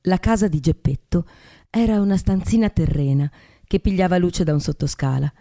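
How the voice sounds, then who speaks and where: A woman podcast host reading a classic tale aloud in a measured, expressive way. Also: on the low side, soft background music.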